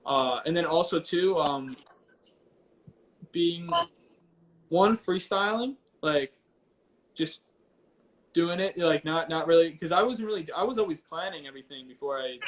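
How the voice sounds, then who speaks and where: A man with a fairly high voice talks casually and loosely as an interview guest, often doubling back on his phrases. He is using his headphones as a microphone, with faint noise in the sound. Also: a little slow, pauses often. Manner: informal, hesitant, repeats words and phrases. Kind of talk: casual chat. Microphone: headphones used as a mic. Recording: noisy headphone mic on online call.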